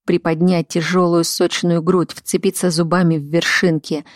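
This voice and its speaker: A woman narrating an audiobook in a steady, measured reading voice. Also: on the low side, dry recording, studio quality. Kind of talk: scripted narration.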